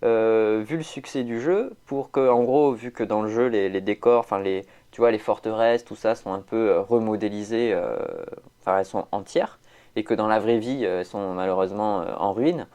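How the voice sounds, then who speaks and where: A man's voice: fairly low pitch, moderate pace, warm tone. A man chatting casually on a podcast, rambling with many fillers and restarts. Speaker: podcast host.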